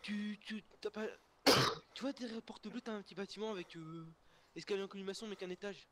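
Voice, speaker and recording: Quick, higher-voiced man pushing plans on game chat. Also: pushed and bright, slight background noise. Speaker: teammate on voice chat. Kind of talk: casual gaming chat.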